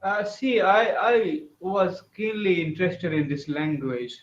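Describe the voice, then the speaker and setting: A man from eastern India practicing English with a tutor, speaking haltingly with many fillers. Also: high-pitched. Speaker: English learner, teacher. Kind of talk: casual online conversation lesson. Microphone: video call. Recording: echoey, dull video call audio with faint noise.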